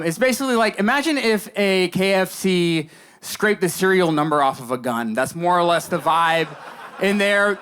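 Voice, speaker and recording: A young man performing a deadpan stand-up monologue for a live audience, telling stories with dry, mock-earnest understatement. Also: a little high, clear, resonant tone. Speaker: stand-up comedian. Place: live comedy show before an audience. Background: audience laughter between lines.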